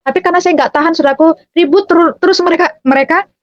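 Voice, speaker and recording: A woman with a very high voice talks fast, sharing her personal faith testimony in a chatty way. She tags her phrases with a casual filler and addresses her listeners as dear brothers and sisters. The recording sounds dull, muffled and dry.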